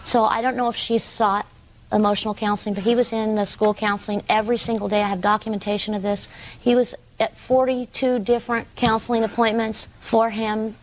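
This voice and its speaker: A woman's voice: a little high, flat delivery, a little fast, a little hiss or hum, rough recording. Earnest, deferential woman defendant.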